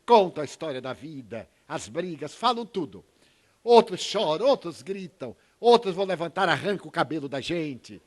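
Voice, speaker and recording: Animated older man telling a story. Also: moderate pace. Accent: Bahian Brazilian Portuguese. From Bahia, Brazil. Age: 80s. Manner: storytelling, acts out dialogue with shifts in pitch and volume. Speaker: spiritist speaker. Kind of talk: inspirational talk with anecdotes.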